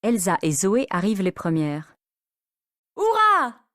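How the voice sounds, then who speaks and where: A woman reads a beginner's story aloud in a clear, deliberate way. Her delivery is unhurried and her pitch moves expressively, with a lot of lift and fall. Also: lively intonation, darkish tone, no echo, studio quality. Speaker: narrator. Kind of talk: slow scripted narration for language learners.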